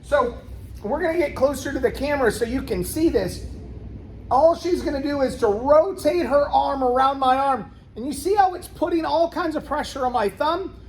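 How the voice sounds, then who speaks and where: A woman with a fairly high voice leads a children's karate lesson as the instructor. She explains the techniques step by step in an instructional demonstration style. The room is noticeably echoey, with clear noise behind her. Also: expressive, normal speed, a little mellow. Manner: step-by-step explaining, checking with "okay?". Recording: roomy echo, clear background noise.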